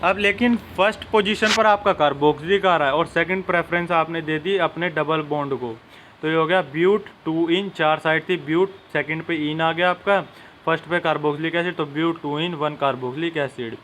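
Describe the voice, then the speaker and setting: A man's voice: fairly high pitch, brisk, fairly bright tone, a little hiss or hum. A young man teaching a chemistry lesson step by step and speaking directly to his students. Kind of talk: classroom-style lesson.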